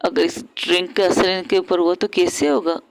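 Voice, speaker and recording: A woman's voice: lowish voice, little pitch movement, normal speed, vocal fry, clean tone, no room sound, poor audio. A woman playing a flustered young waitress, stammering and repeating herself, dry close sound, audio story. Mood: worried. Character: nervous young waitress girl, stammering, anxious.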